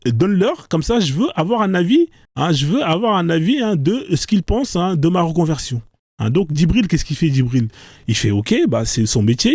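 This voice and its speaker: Mocking man with a mellow, dry voice. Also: mid-range voice, no room sound. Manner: mocking, rambling, full of "hein, euh" fillers. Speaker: live stream host. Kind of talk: sarcastic live stream monologue.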